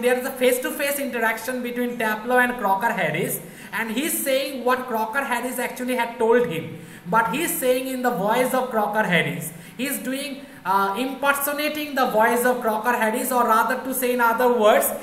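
Woman teacher, explanatory and repetitive, high voice, echoey room. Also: normal speed, fairly bright tone. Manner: explanatory, repetitive, addresses students directly. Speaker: English teacher. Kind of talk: online literature class.

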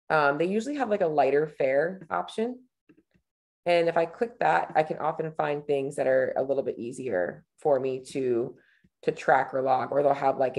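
A woman's voice: sits low, gravelly, a little mellow. A woman in her thirties, a nutrition coach, talking casually and thinking aloud as she clicks through a screen-share tutorial over a webcam.

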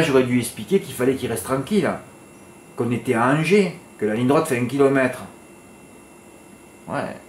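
A man's voice: medium pitch, reverberant, slight background noise. A man giving horse racing tips to his viewers in a casual monologue, chatty and peppered with little tag words, flaring into exasperated rants. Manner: chatty, peppered with "hein", flares into exasperated ranting.

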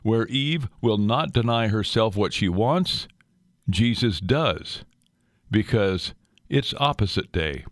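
A man preaching a sermon in a measured, deliberate way, sometimes voicing the tempter's words with a lifted pitch. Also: animated, no room sound, clean studio sound. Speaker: pastor.

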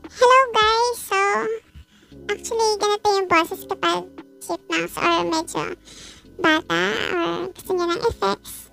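A woman speaking through a sound card's pitch-shift effect that turns her voice into a high, childlike chipmunk voice while she tests the mic live. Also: fairly even intonation, a little slow, vocal fry, bright, forceful tone, soft background music, full character voice, poor audio. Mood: amused. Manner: chatty mic-testing, amazed at the device. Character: squeaky chipmunk-like voice, small and childlike. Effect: high chipmunk-style pitch-shift from a karaoke sound card. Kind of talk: live product demo.

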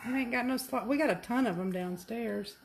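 A woman's voice: a little high, brisk, background noise. An older woman with a Southern US accent, bantering and teasing while she films a home cooking session on a handheld camera in a kitchen. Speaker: cooking show co-host filming. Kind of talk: casual cooking chat.

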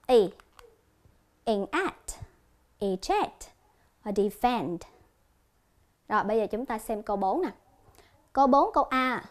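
A female English teacher gives a televised lesson, speaking clearly and deliberately and repeating each example word slowly. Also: fairly high pitch. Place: TV studio.

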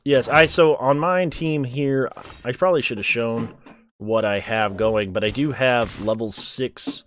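Hosting a gaming channel, a man with a medium-pitched, fairly bright voice talks at a measured pace during a relaxed let's-play. He reads the in-game lines aloud, laughs and jokes about them, and confesses uncertainty over how names are said, with faint hiss or hum on the track.

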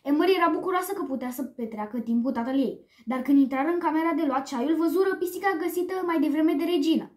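A woman reads a children's storybook aloud in a lively, expressive way. Her voice sits high for a woman, and the recording has a roomy echo. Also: hardly any pauses. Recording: echoey room.

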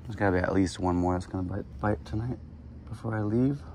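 A man filming himself from a kayak on a lake with a head-mounted action camera, chatting casually while he fishes and getting excited when a fish bites. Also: on the low side, fast talker, slight background noise. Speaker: fishing vlogger.

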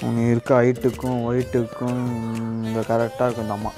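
A young man playing a pushy student hustler who rents out fake parents, calling out loudly in a comedy sketch. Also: mid-range voice, level tone, over music, lightly acted. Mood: persuasive. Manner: shouting hawker calls, fast and pushy. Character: loud fast-talking male student hustler renting fake parents. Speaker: rent-a-parent hawker. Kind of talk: Tamil comedy sketch acting.

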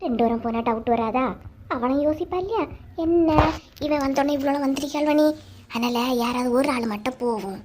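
A woman voicing a scheming village gossip who talks in a hushed, conspiratorial way, with a Kanyakumari Tamil accent, for a cartoon story. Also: fairly quick, noisy background, close to an everyday voice. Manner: hushed, conspiratorial, lower than her other voices.

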